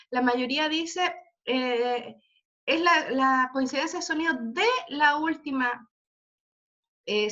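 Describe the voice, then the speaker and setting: A woman's voice: sits high, sharp tone. A woman teaching an online literature class, explaining step by step and checking in with her students. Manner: explanatory, checks in often with "¿ya?" and "¿cierto?". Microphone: computer mic on a video call. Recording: dull lo-fi video call audio.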